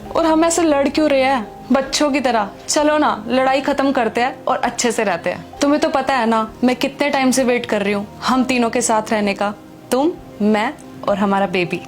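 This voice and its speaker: A woman's voice: high-pitched, normal speed, faint music behind, natural voice. A woman acting a pregnant married woman secretly in love with another man, pleading and defensive. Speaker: actor. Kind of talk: Hindi web skit acting.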